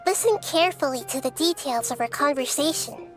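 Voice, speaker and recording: A calm little goddess in a video game, high and childlike yet wise. She speaks earnestly and gently, like someone telling a story, over clearly audible music. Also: brisk. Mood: calm, explaining. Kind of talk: scripted video game voice acting. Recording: background music.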